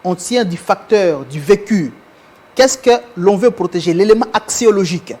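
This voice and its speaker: High-voiced man speaking formally. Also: animated, a little mellow. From Congo (DRC). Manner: formal, measured, lawyerly phrasing. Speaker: guest. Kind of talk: televised interview.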